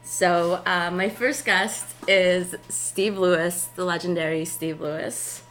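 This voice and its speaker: A woman's voice: lowish voice, fairly even intonation, slow, fairly bright tone. A woman from Queens, hosting a casual chat in an informal, somewhat hesitant way. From Queens, New York. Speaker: show host.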